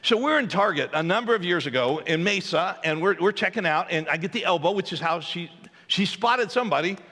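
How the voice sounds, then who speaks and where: Pastor guy telling a funny story about himself, highish voice, big church echo. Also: brisk. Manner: self-deprecating, anecdotal, animated storyteller. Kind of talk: humorous storytelling sermon. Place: large church auditorium. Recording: long hall reverb in a church.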